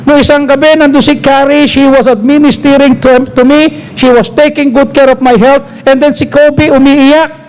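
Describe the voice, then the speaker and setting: A man's voice: very high voice, little pitch movement, normal speed, hardly any pauses, darkish tone, poor audio. A man with a Filipino accent preaching a sermon as pastor, emphatic and exhorting, switching between Tagalog and English. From Philippines.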